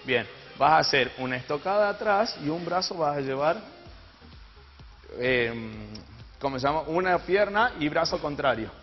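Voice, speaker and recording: Leading a live workout demonstration on an indoor TV set, this young adult Argentine trainer coaches and cheers people on. He speaks at a moderate pace in a slightly high, expressive voice, over background music and muffled, reverberant TV sound.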